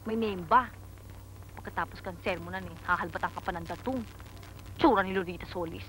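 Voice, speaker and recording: A woman's voice: fairly low pitch, brisk, a bit bright, a little hiss or hum, lightly acted, rough recording. An actress playing a put-upon, sassy niece in a comedy film, grumbling under her breath. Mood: resentful muttering. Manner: muttering complaints under breath.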